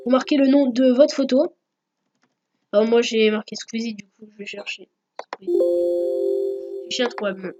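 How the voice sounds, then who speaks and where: A woman recording a software tutorial at home, hesitant, full of fillers and self-corrections. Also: on the high side, muffled recording. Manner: hesitant, many fillers, corrects herself often. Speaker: YouTube tutorial maker.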